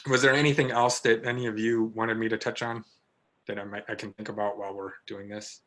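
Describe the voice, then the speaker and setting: A man's voice: fairly low pitch, flat delivery, a little fast, a bit bright, rough recording. A man hosting a video meeting on special education, talking in a friendly, encouraging way with fillers. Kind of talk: casual video meeting talk. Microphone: video call.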